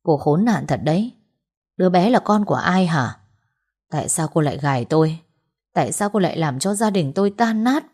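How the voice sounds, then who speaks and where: A woman's voice: on the low side, lively intonation, normal speed, darkish tone, slightly rough. A woman reading the part of a remorseful husband who earnestly pleads for his wife's forgiveness. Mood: angry.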